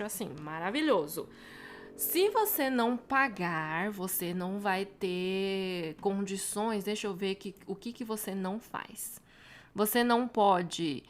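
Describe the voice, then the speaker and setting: A woman with a Brazilian Portuguese accent, a Mandarin teacher walking viewers through a website in a chatty tutorial, tagging her sentences with quick questions. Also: lowish voice, slight background noise. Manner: chatty, frequent tag questions. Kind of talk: casual screen-share tutorial.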